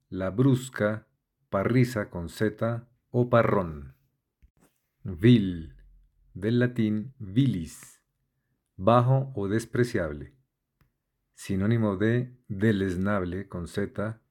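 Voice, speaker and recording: A man with a fairly low voice reads a word list in an unhurried lesson style. He takes each entry slowly and deliberately, spelling out letters before giving the meaning. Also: a little mellow. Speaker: vocabulary instructor. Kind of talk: slow dictionary-style reading of a word list.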